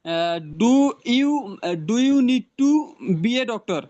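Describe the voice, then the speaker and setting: A man who is a student in an online English class, answering in a hesitant, halting way with many fillers. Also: sits high, animated, a little mellow, lo-fi sound. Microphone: video call.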